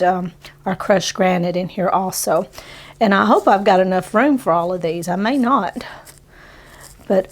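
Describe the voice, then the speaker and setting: A woman hosting a casual gardening how-to in a folksy way, her voice a little under the weather from a sore throat. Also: medium pitch. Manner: folksy, dropped endings like "gonna" and "'em". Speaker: host of a gardening channel. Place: greenhouse.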